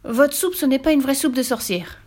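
A woman's voice: moderate pace, natural voice. A woman voicing a cheeky, clever little boy in a children's storybook reading, with an impish, raised voice. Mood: mischievous. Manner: impish, cheeky, higher and louder.

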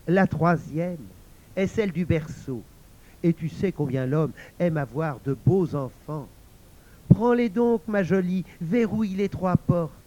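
A sly old devil, as a male storyteller puts him on, confides his schemes slowly and deliberately. His voice is close to the reader's own, with a knowing edge. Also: high voice, expressive, warm tone, muffled recording. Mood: scheming.

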